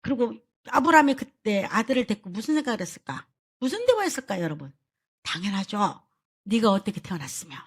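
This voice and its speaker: A woman pastor preaching a sermon, telling stories in an animated way and addressing the congregation directly. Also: a little high, a little fast, slightly rough.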